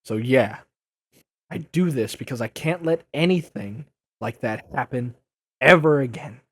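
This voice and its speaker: A man's voice: medium pitch, animated, measured pace, fairly bright tone, husky. A man playing an earnest, exasperated young wisecracking superhero in an audio drama, speaking with impassioned indignation. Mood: regretful, earnest.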